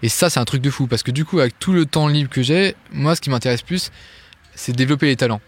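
A man from France, a guest on an interview, chatting casually in a quick, loose way with many fillers and restarts. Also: mid-range voice. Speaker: guest, online Irish music teacher.

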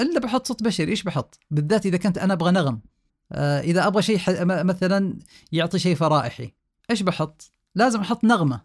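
A sound engineer talking in a casual podcast interview, his voice a bit higher than most men's and gravelly. He explains patiently, hesitates often and starts words over. The talk is relaxed and conversational. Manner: hesitant, many restarts, explanatory.

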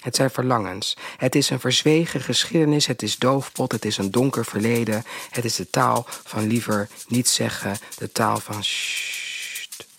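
A man's voice: medium pitch, fairly even intonation, moderate pace, gravelly, fairly bright tone, slightly rough, dry recording. A man reciting spoken word poetry intensely, dropping at times to a whisper.

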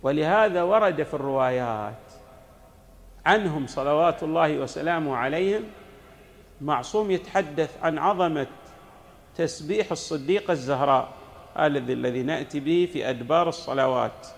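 A male cleric preaches in a mosque, his voice pitched a little high with a gravelly edge. He teaches in a didactic way, posing questions and then answering them. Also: normal speed. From Saudi Arabia. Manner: didactic, asks questions and answers them himself, demonstrates recitations. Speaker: cleric giving a religious lecture. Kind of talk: sermon.

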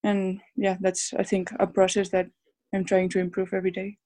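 A woman's voice: mid-range voice, completely flat delivery, brisk, mellow. A woman from the Basque Country speaking English with a Basque Spanish accent, answering casually as a footballer in an interview. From Basque Country, Spain. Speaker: professional footballer being interviewed.

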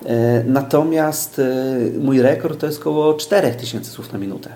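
Guy explaining speed reading slowly w/ lots of ums, warm low tone, echoey room. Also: slight background noise. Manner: explains patiently with everyday examples, many hesitations. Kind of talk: explanatory interview talk.

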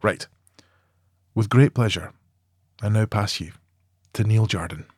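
A man hosting a podcast, reading his introduction in an earnest, clear way. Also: fairly low pitch, unhurried, a little mellow. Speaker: podcast host.

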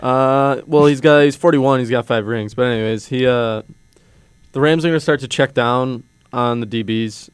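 A man's voice: medium pitch, normal speed, smooth, no room sound. A young man co-hosting a sports radio show, rambling through his predictions and laughing. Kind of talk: casual sports banter.

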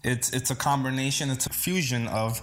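Talking fairly quickly in a mid-range, fairly bright voice over slight background noise, a singer-songwriter guest gives an interview. He's from the Bronx, New York City, with early childhood in the Dominican Republic, and his casual, earnest speech includes hesitations and repeated words.

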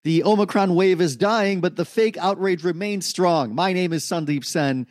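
Casting a male podcast host, brisk and emphatic, slightly high, dry-sounding. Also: dry recording. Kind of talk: casual chat.

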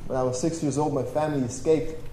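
A Toronto priest born in Poland, Polish his first language, preaches quickly in a warm, highish male voice with fairly even intonation. His informal testimony to young adults is jokey, slangy, conversational and self-deprecating. He's on a stage microphone through a PA in a large, echoey hall, where faint noise lingers.

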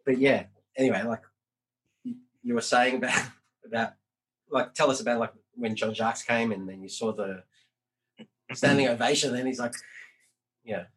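A man's voice: mid-range voice, normal speed, long pauses, fairly bright tone, rough recording. A man hosting a casual podcast conversation, talking in a rambling way with many fillers. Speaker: podcast host.

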